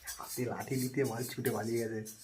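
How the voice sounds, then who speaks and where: A man with a Bengali accent narrating a casual home vlog, chatty, at times dropping to a hushed murmur and at times calling out loudly to his dog. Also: medium pitch, little pitch movement, a little fast, very noisy. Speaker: vlogger. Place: home, indoors.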